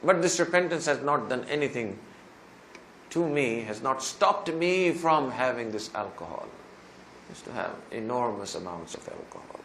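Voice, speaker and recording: A man's voice: mid-range voice, sing-song, moderate pace, fairly bright tone, a little hiss or hum. A male preacher giving a sermon, retelling another man's story in the first person and rising to emphatic pleas at its peaks. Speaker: Islamic preacher.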